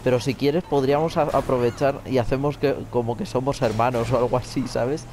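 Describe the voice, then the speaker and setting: A man's voice: mid-range voice, steady tone, brisk, a little mellow. Give me a young man co-hosting a podcast, casual and crude, over a noisy background. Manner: crude, joking, laughs often. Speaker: podcast co-host. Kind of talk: casual chat while gaming.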